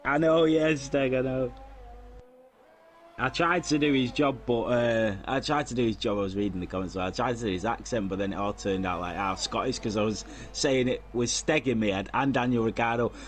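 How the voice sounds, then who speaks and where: A man's voice: on the low side, fairly quick, few pauses. Man calling a sim race. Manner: casual, chatty, reads out lap times and viewer comments. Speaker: race commentator. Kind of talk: live sim racing commentary.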